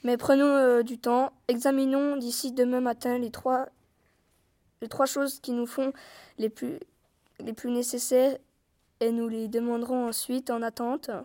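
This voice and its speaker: Husband part in a read-aloud tale, sensible but quick to anger, played by a woman with a high, dry voice. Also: flat delivery, warm tone, no echo, lightly acted. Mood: reasoning. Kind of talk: storybook reading in parts.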